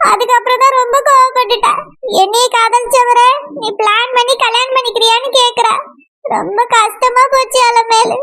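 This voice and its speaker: A woman voicing a heartbroken young bride-to-be who laments slowly, with a Kanyakumari accent. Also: extremely high pitch. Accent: Kanyakumari Tamil. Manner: sorrowful, lamenting. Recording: noisy recording.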